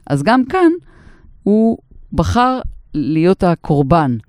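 An emphatic woman co-hosts a chatty podcast, pressing her side of the argument. Her voice is smooth and clean, recorded dry and close. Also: fairly low pitch, very animated, a little mellow, no echo. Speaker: podcast co-host. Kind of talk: casual podcast debate.

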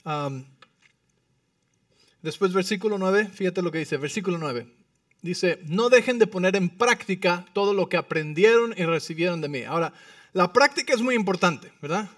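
A man with a fairly high voice delivers a sermon from a pastor's pulpit. He keeps checking in with the congregation and moves between hushed asides and emphatic lines. He sounds set back from the microphone, in a dry, unreverberant space. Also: lively intonation, moderate pace, no echo, far from the mic. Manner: frequent tag questions to the congregation. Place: church.

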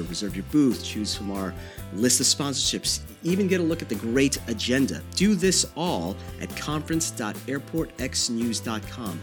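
A man in his thirties from the Philippines hosting his podcast alone, answering listener questions in a conversational way with many fillers and restarts. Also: mid-range voice. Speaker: podcast host. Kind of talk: solo podcast Q&A.

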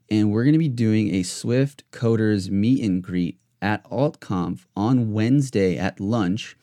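A man's voice: on the low side, dark tone. A man hosting a podcast, talking in a loose, rambling way full of fillers and restarts. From United States. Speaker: podcast host. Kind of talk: casual podcast chat.

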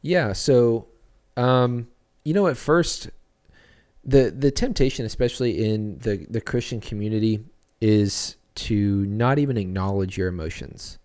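Low, mellow-voiced man in earnest interview. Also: unhurried. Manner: earnest, reflective, with many fillers and restarts. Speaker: children's church pastor, guest. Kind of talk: casual podcast interview.

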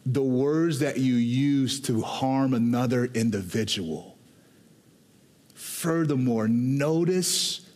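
This man, a pastor from Houston, Texas, preaches on the high side of the vocal range. His animated, chatty delivery swings from fast side remarks to deliberate, emphatic lines, all wrapped in long hall reverb.

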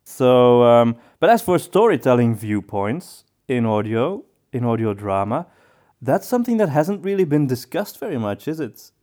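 A man co-hosts a podcast, chatting casually and thoughtfully with hesitant phrasing. His mid-range voice is dark in tone and sing-song, moving at a normal speed.

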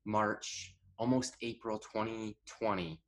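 A man's voice: lowish voice, fairly even intonation, slow, rough recording. A man with an American accent co-hosting a podcast in casual talk. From Minnesota, US. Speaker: podcast co-host.

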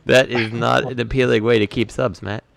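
A man's voice: mid-range voice, level tone, normal speed, vocal fry, dry recording. A man teasing his friends in a casual chat about toy collecting. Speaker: podcast co-host.

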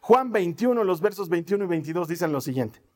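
A man preaching a sermon, telling Bible stories in an animated way and laughing often. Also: high voice, a little fast.

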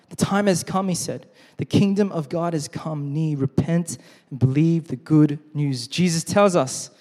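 A man's voice: on the high side, mellow. Male pastor preaching in an echoing hall. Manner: earnest, with repeated phrases and slow, stressed reading of scripture. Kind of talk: sermon. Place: church hall. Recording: long reverb in a large hall.

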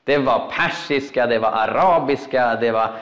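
A man preaching a sermon, telling stories in an animated, expressive way with acted quotes. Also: mid-range voice. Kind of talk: sermon storytelling.

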